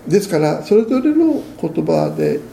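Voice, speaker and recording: A man's voice: on the high side, big pitch swings, moderate pace, gravelly, mellow, echoey room, slight background noise. A man preaching a sermon as a pastor, in a conversational way, often ending phrases with tag questions.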